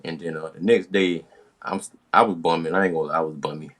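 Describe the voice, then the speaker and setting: Talking fast in a low, slightly bright voice with fairly even intonation, an American man hosts a podcast. He casually recounts stories from his youth in slang and profanity, performing the dialogue as he goes.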